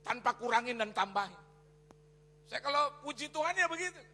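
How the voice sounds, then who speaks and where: A man preaching a sermon as a pastor, telling a story in an animated way, acting out quotes and mixing in English phrases. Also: extremely high pitch, fairly quick. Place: large church hall. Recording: reverberant church hall with faint noise.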